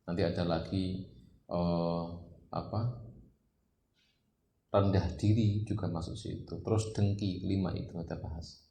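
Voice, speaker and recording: A man's voice: low voice, steady tone, unhurried, vocal fry, long pauses, warm tone, slight background noise. A man preaching a religious study lecture, asking rhetorical questions and rising to emphatic peaks. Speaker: Islamic preacher. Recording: roomy echo, faint ambience.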